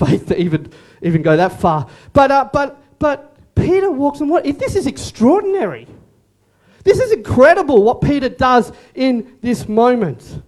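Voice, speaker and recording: A man preaching a lively sermon, joking and calling on the congregation to answer back, often repeating his words. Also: high-pitched. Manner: animated, joking, repeats words, calls on audience. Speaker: pastor. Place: church service room.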